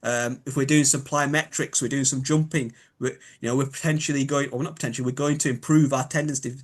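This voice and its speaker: Yorkshire man, expert guest, mid pitch, thoughtful, rephrases on the fly. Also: steady tone, quick pace. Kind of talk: explanatory interview talk.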